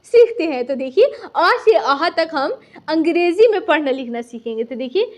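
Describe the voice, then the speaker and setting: A woman's voice: sits high, lively intonation, normal speed. A woman teaching a beginner lesson step by step, patiently asking questions and answering them herself.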